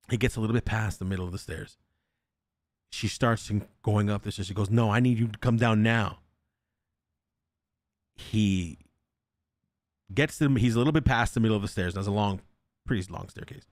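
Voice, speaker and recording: A young podcast host tells a ghost story casually, swearing often, staying animated, and acting out the voices of the people involved. His voice is on the low side and brisk, with frequent pauses, in a dry recording.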